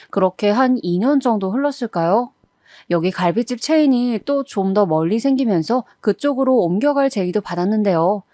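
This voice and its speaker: A woman's voice: mid-range voice, darkish tone, no echo, studio quality. Woman narrating a plaintive first-person story.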